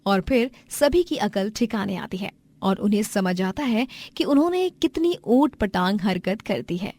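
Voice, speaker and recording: A woman narrating a cartoon storybook. She tells the story in a steady, explanatory way. Her voice is mid-pitched and even. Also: measured pace.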